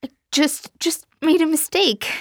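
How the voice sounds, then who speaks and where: A nervous young woman, as a woman storyteller puts her on, pleading with a stammer in a lifted, higher voice. The sound is dry and close. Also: measured pace, dry recording. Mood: frightened pleading.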